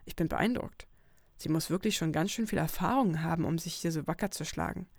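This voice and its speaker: Woman narrator, first-person storybook reading, calm and even, slightly gravelly voice, dry close mic. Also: lowish voice, fairly quick, dry recording. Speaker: audiobook narrator.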